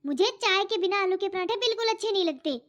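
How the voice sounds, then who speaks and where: A woman's voice: very high-pitched, lively intonation, fast, a bit bright. A woman voicing a nagging, harsh middle-aged mother-in-law in a cartoon, talking in a taunting, scolding way. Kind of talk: cartoon voice acting. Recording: dull lo-fi audio.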